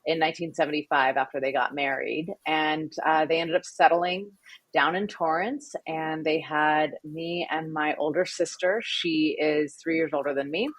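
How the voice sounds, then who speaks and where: A woman's voice: sits low, fairly even intonation, normal speed, dry recording. A woman in her forties from Southern California, a company executive telling her story articulately in an interview. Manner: articulate, warm storytelling with fillers. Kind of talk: interview conversation.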